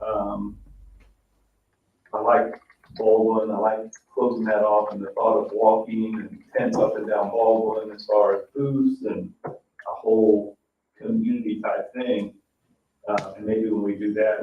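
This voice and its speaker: A middle-aged or older man, a grandfather, takes part in an informal redevelopment commission meeting, putting questions in a tentative, halting way as he thinks aloud. His voice is lowish. The mic sits at a distance in the meeting room, so the sound is roomy, dull and distant, with faint noise.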